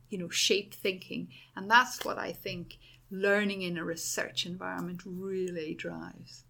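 A woman's voice: mid-range voice, gravelly, a bit bright. A middle-aged woman with a Dublin Irish accent, a university principal answering interview questions with enthusiasm and many restarts. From Ireland.

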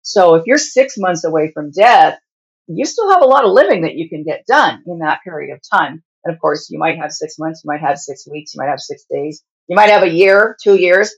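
Female interview guest, hospice nurse. Lowish, husky voice, explains plainly and conversationally, slightly dull recording. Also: animated, moderate pace.

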